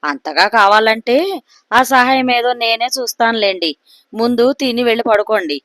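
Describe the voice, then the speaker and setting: Storybook wife, snappish and scolding, louder than her plain reading, dry close sound by a woman narrator. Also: fairly high pitch, normal speed, dry recording, pitched above the performer's own voice, lightly acted. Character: sharp-tongued, jealous adult wife.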